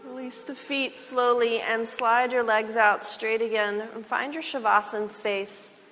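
A woman yoga instructor guiding relaxation slowly and calmly, with soothing, spaced-out instructions. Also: a little high, faint music behind. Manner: slow, calm, soothing delivery with pauses. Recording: reverberant hall, clear background noise.

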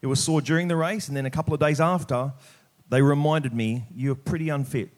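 A middle-aged Australian man delivers a church sermon in a plain-spoken, conversational manner, his voice fairly high and his pace fairly quick. He mixes prayer and scripture reading with casual anecdotes.

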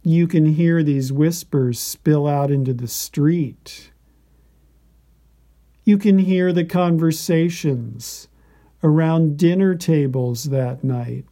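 A man giving a scripted devotional narration in a slow, deliberate and reverent manner. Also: fairly high pitch, mellow.

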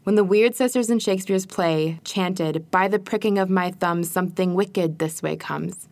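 A woman from rural Wisconsin giving a measured, reflective scripted documentary narration. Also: on the low side, a little mellow, no room sound.

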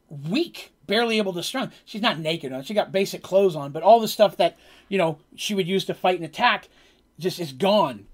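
A man telling how a tabletop game session played out, as its game master, in a rambling way with frequent ums and self-corrections. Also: high-pitched.

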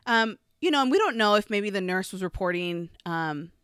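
A woman's voice: mid-range voice, expressive, moderate pace, a bit bright, clean tone, dry recording, studio quality. A woman co-hosting a podcast, speaking thoughtfully and hesitantly with many fillers. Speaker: podcast co-host. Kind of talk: casual chat.

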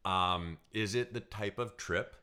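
A man with a low, relaxed voice co-hosts a casual couple podcast. He talks in an easygoing way and often laughs between points. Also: slow. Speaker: podcast co-host.

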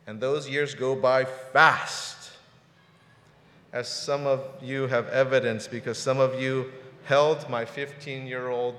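In a church sanctuary with roomy hall reverb, a pastor in his forties gives a sermon slowly, his mid-range voice fairly bright and his intonation fairly even. He keeps things casual and conversational, often repeating words as he goes.

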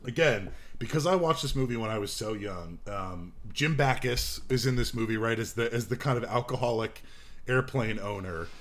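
A man in his twenties, co-hosting a casual podcast chat and telling stories with lots of laughter. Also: normal speed. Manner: animated storyteller, laughs often, acts out lines in a high voice. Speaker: podcast co-host. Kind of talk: casual chat about an old movie.

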